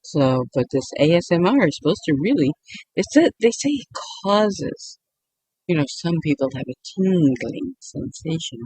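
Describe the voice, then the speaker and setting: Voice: medium pitch, animated, moderate pace, a little mellow, breathy edge, dry recording, rough recording. A YouTuber giving a casual late-night monologue meant to help people sleep, rambling with frequent restarts and often breaking into giggles.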